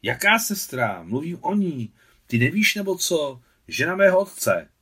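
A man's voice: mid-range voice, very animated, husky, far from the mic, voice pushed up. A man reading an audiobook voices a grieving, defiant runaway boy with a sulky, snapping manner. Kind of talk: audiobook dialogue.

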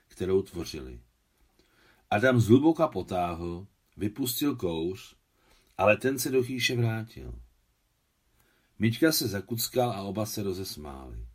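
A man, the book's translator, calmly reading his translated novel aloud. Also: sits low.

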